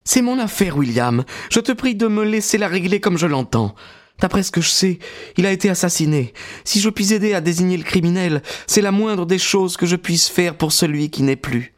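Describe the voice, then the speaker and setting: A man voicing a dignified young woman, high and firm. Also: animated, normal speed. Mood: determined. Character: proud, composed young woman, grieving fiancée.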